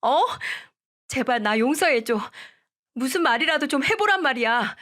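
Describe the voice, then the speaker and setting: A woman's voice: high voice, expressive, normal speed, a bit bright, voice pushed up. A woman voicing a desperate young daughter-in-law who begs for forgiveness in a raised, pleading voice. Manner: begging, tearful pleading.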